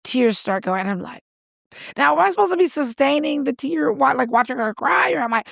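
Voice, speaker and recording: A woman co-hosting a podcast, telling a story in casual chat, animated and swearing casually as she acts out what people said. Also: high-pitched, brisk, creaky, no room sound, clean studio sound. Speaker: podcast co-host.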